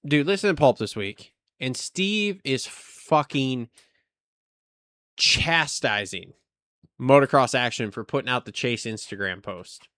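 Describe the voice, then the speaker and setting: A man co-hosting a casual chat, telling animated stories and ranting with lots of swearing. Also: medium pitch, a little slow, dry recording, clean studio sound. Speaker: podcast co-host.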